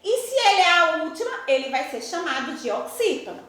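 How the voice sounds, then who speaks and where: A woman teacher with a Brazilian Portuguese accent giving a recorded school lesson, stretching out example words slowly and with emphasis. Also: very high voice, very animated, a bit bright. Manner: slow, drawn-out, emphatic over example words. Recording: very echoey room.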